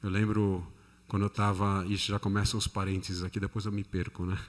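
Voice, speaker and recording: A priest gives a conversational teaching talk, often checking in with the group. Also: male voice, low-pitched, little pitch movement, a little fast. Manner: conversational, often asks listeners "né?". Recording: long hall reverb.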